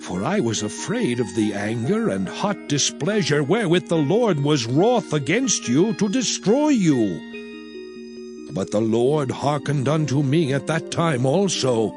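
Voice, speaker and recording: A man playing Moses, a solemn prophet addressing his people in a declamatory, dramatized scripture reading with archaic diction. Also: on the high side. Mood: grave, intense. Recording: music behind the voice. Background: background music.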